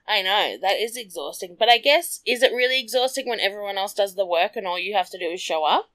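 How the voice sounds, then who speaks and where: A woman's voice: medium pitch, animated, fast, fairly bright tone. A woman chatting casually about celebrity gossip, bluntly, with lots of "like" fillers.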